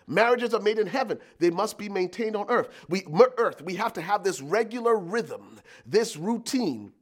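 High-voiced emphatic male preacher. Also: lively intonation, normal speed. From Liberia. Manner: emphatic preaching with repeated lines and call-and-response. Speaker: pastor. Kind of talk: sermon.

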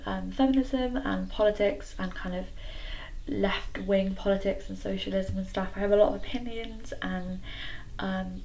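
Her voice medium-pitched, gravelly, and a little mellow, a nineteen-year-old woman chats on her solo podcast in a casual, hesitant, self-effacing way. She records on a computer inside a small wooden garden shed with a slight echo, and the low-quality home audio has clicks and background noise.

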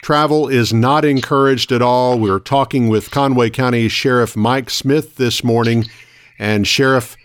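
A man hosting a local radio morning show, reading news announcements in a measured, orderly way from a studio. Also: medium pitch, fairly even intonation, smooth. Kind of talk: radio news announcing of weather, closings and notices.

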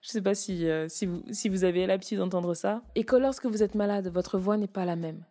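A woman's voice: medium pitch, brisk, warm tone. A woman giving a casual spoken lesson on using the voice, switching between chest, mask and head voice to demonstrate. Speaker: voice coach.

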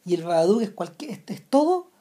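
Chilean woman, casual film chat, mellow tone, halting delivery with restarts. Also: mid-range voice, big pitch swings. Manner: hesitant, many restarts. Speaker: film commentator.

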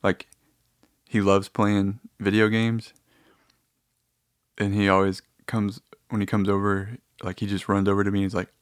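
A man's voice: lowish voice, little pitch movement, moderate pace, long pauses, dry recording, clean studio sound. A man talking to his audience in a casual, meandering, easygoing monologue.

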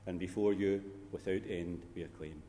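Deep priest with cathedral echo. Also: male voice, fairly even intonation, warm tone. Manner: measured, solemn, prayerful delivery. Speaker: priest celebrating a funeral Mass. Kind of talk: liturgical recitation. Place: large church. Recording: long reverb in a large church, faint ambience.

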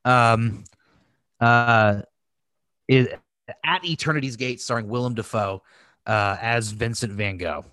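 Taking his time with long pauses, a podcast host with a medium-pitched, fairly bright voice discusses films on a dry recording. His manner is crude and effusive, with plenty of swearing in the casual chat.

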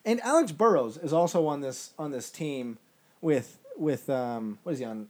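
A man's voice: a little high, lively intonation, normal speed. A man co-hosting a casual podcast, rambling loosely and losing track of names as he talks. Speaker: podcast co-host. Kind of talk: casual sports chat.

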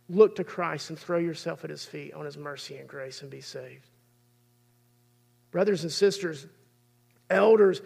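A man's voice: high voice, vocal fry. A man, preaching a sermon as pastor in an earnest, conversational way.

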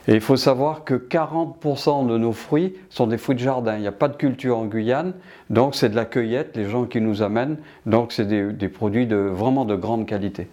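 A man's voice: mid-range voice, moderate pace, mellow. An older man from Martinique answering interview questions about his business, hesitant with many restarts.

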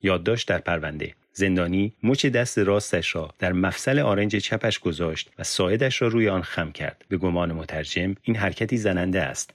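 A man narrating an audiobook in a steady, measured reading voice. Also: deep voice, no room sound, clean studio sound.

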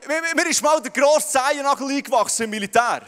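A man's voice: very high voice, fast talker, fairly bright tone. A young man with a Swiss German accent preaching a sermon to a large crowd, often stammering and repeating words as he speaks to them directly. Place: large hall with audience. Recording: long hall reverb.

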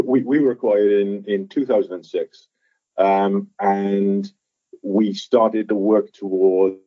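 A man who is a guest on a podcast, explaining his work in a measured way with some fillers and restarts. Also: lowish voice, husky, no echo. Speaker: podcast guest, software architect. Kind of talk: conversational interview. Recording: tinny phone-line audio.

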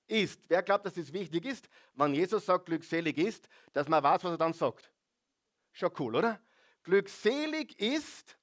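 A man's voice: fairly high pitch, a bit bright. A male pastor preaching a sermon, drawing out key words and asking the congregation to repeat phrases after him. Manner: calls on the congregation to repeat phrases, drawn-out emphasis.

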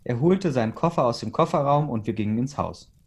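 A man reading a fan story aloud in a casual, even way, including the readers' comments. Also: medium pitch, fairly quick, slightly rough.

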